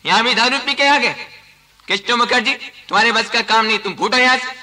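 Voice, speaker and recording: A comedian running an audition as a bossy director, scolding and calling people forward. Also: male voice, very high-pitched, a little fast, pushed and bright, roomy sound, poor audio. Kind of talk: comic sketch.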